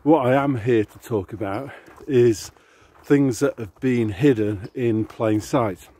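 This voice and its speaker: A man's voice: medium pitch, slow pace, warm tone, breathy edge. A man talking casually to camera as he walks to the shops, rambling and sardonic. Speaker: vlogger. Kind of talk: casual talk to camera while out walking. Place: outdoors on the way to the shops.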